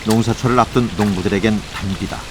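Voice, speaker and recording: A man narrating a scripted nature documentary in a measured, formal storytelling manner. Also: lowish voice, fairly even intonation, background noise. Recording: voice over background music. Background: music.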